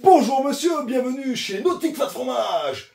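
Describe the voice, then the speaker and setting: A man voicing an excitable, chatty male boat dealer in a comic sketch, high-pitched and exclamatory. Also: normal speed, gravelly, roomy sound, soft background music, heavily acted. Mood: excited.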